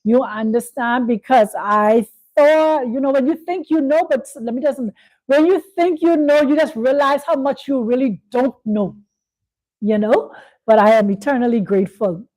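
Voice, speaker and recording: High-voiced woman preaching. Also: moderate pace, darkish tone, low-quality recording. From Bahamas. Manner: preachy, repeats phrases, asks "you see?". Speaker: host. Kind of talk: spiritual talk monologue. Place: Kenya.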